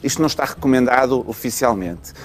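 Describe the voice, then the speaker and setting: A man with a European Portuguese accent, a pediatrician explaining calmly on a talk show, with frequent fillers. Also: mid-range voice, quick pace. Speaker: pediatrician guest.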